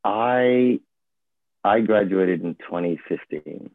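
A young man born in Hong Kong talks through his memories in a slow, searching way, full of fillers and restarts. His voice sits very low. It comes over a tinny, phone-like line with no room sound. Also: expressive, no room sound. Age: 20s. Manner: hesitant, thoughtful, many fillers and restarts. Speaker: guest actor. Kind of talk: casual conversation. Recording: tinny phone-like call audio.

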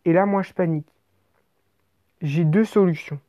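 Woman, lowish voice, rambling comic monologue, casual slang, dry slightly dull sound. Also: moderate pace, dark tone, no echo. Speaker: comic storyteller. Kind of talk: absurd first-person comic monologue.

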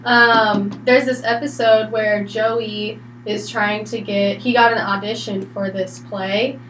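A woman's voice: medium pitch, fairly bright tone, roomy sound, a little hiss or hum, low-quality recording. A woman in a casual podcast chat, recounting a story in an easygoing way with plenty of fillers.

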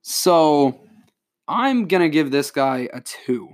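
Man, casual podcast host, reads legends aloud, jokey, animated storytelling. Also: a little high, takes it slowly.

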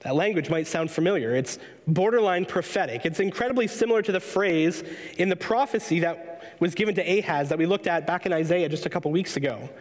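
A man preaching a sermon, measured and explanatory, slowing down to read scripture aloud. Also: sits high, in a large hall. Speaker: pastor.

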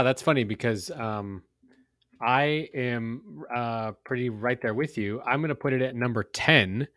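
A man's voice: lowish voice, a bit bright, no room sound, clean studio sound. A man co-hosting a casual movie podcast, easygoing and hesitant, with many ums and uhs. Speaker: podcast co-host.

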